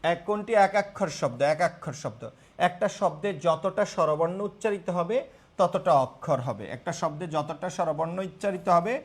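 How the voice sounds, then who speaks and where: A man's voice: on the high side, animated, moderate pace. A young man teaching grammar in a live online class, repeating terms and quizzing his students.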